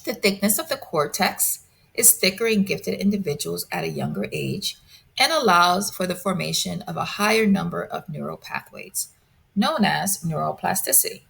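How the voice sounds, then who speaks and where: A woman presenting a lecture, reading a prepared script in a measured, deliberate way. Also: lowish voice, expressive, vocal fry, fairly bright tone.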